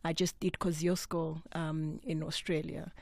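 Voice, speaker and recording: A woman's voice: deep voice, level tone, unhurried, creaky, a little mellow, dry recording. A woman in her fifties, a radio studio guest, talking earnestly and emphatically and laughing easily. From South Africa. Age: 50s. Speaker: guest mountaineer. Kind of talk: radio interview. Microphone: studio mic with headphones.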